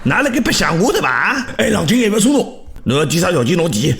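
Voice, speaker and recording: A man with a Shanghai accent playing flustered, exasperated men in a farcical comedy sketch, animated and exclamatory. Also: high-pitched, fast, gravelly, exaggerated voice. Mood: tense negotiation. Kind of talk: exaggerated comic sketch dubbing in Shanghai dialect.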